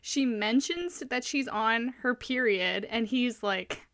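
Woman, podcast co-host, casual chat, enthusiastic, clear crisp voice, somewhat high. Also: slow pace, a bit bright. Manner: gushing, enthusiastic about books.

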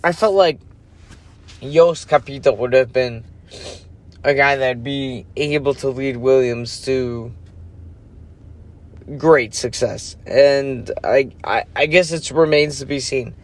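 A sleepy, yawning podcast host with a mid-range voice speaks slowly and pauses often. His casual rant rambles, loses focus and keeps interrupting itself.

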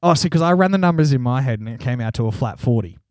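A man's voice: mid-range voice, animated, fast talker, darkish tone, no echo, studio quality. A man with an Australian accent chatting casually and jokingly as a podcast co-host, using plenty of slang. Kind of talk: casual chat.

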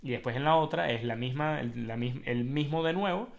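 A man with a Venezuelan accent hosting a casual explanatory monologue, telling it in a colloquial, animated way with slang. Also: medium pitch, brisk, creaky. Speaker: host.

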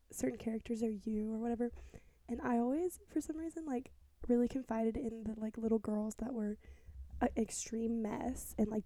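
Sitting in bed in her bedroom, a twentysomething podcast host gives a hushed, rambling solo talk, speaking hesitantly and self-consciously with plenty of filler words. Her voice is slightly high, very mellow and gravelly with fry, recorded with no echo on a small fluffy-windscreened mic.

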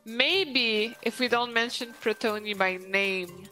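A woman's voice: on the high side, slow, bright, forceful tone, faint music behind. A woman chatting casually as a player in a tabletop game.

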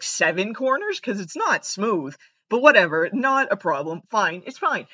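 An American man hosts a podcast in a flat, deadpan monotone with vocal fry, delivering a casual, self-deprecating comedic monologue full of swearing. His voice is high-pitched, and the lo-fi recording has no room sound.

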